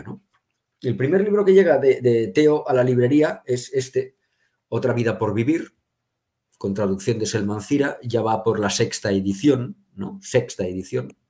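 A man's voice: mid-range voice, warm tone. Chatty man bookseller hosting a talk. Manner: chatty storyteller, stammers and repeats words. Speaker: bookseller and host. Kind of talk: casual conversation.

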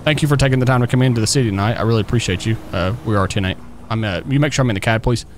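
A man chatting casually as a live game streamer, folksy and excitable as he talks to his viewers and buddies. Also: mid-range voice, racing, slight background noise. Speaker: streamer and police role-play host. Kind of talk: casual live stream chat while playing.

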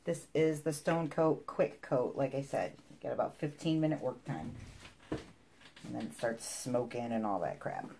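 A woman's voice: very deep voice, animated, normal speed, dark tone, a little hiss or hum. A woman casually narrating a hands-on craft tutorial as she works. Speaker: resin craft demonstrator.

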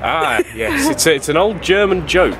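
A man doing a mock tour-guide spiel at an outdoor Christmas market, deadpan and jokey, mangling German words. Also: fairly high pitch, a little slow, music in the background. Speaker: vlogger's companion. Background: loud crowd.

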